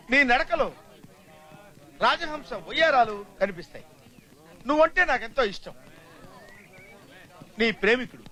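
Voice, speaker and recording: An actor dubbing a boisterous male teacher in a comic film, joking and mocking in rapid banter. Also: very high-pitched, bright, forceful tone, exaggerated voice. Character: boisterous teasing male teacher giving love advice.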